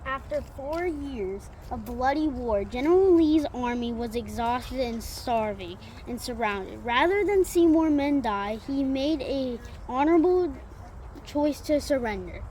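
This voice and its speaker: A young woman playing a proud male general, telling the story loudly and emphatically. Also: high voice, lively intonation, a little slow, a little hiss or hum, poor audio. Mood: emphatic. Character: proud male Union general praising an honorable enemy.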